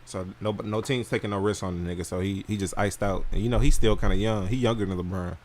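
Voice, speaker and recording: A man's voice: fairly low pitch, fairly even intonation, fast talker, darkish tone, a little hiss or hum. A young man co-hosting a podcast, laid-back and argumentative in casual profane chat. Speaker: podcast co-host.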